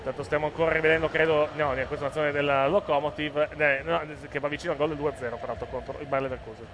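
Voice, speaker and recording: Halting, rambling male match commentator. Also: fairly high pitch, steady tone, background noise. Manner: rambling, halting, full of restarts and apologies. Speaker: host commenting a live match stream. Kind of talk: casual football chat and commentary.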